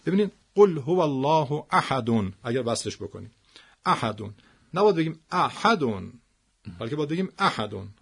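A man teaching the stress rules of Quranic Arabic, patiently repeating words slowly. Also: a little high, expressive, husky.

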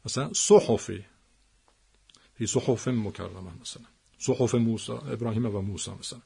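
A man teaching the stress rules of Quranic Arabic, patiently repeating words slowly. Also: mid-range voice, gravelly, dark tone, slightly rough.

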